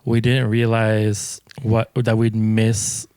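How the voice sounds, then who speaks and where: A young man co-hosting a casual faith-based chat, talking in a relaxed, reflective way and often restarting his sentences. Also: lowish voice, slow, smooth, dry recording, studio quality. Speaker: co-host.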